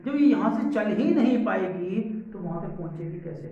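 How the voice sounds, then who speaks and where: A man's voice: high voice, lively intonation, normal speed. A man teaching a class, asking questions and answering them himself, mixing English terms into his explanation. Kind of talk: classroom lecture. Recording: echoey room, far mic, dull sound.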